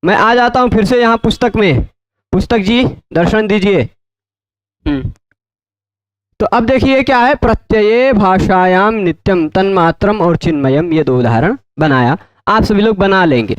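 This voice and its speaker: A man teaching Sanskrit grammar in a lecture, often asking his students check questions and repeating terms slowly. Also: high voice, lively intonation, no room sound. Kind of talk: explanatory lecture.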